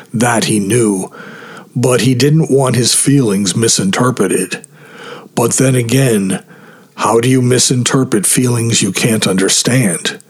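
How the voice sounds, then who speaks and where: A man reading a story aloud as narrator in a steady storytelling manner, voicing the characters lightly. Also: medium pitch, husky. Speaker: audiobook narrator. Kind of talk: scripted narration.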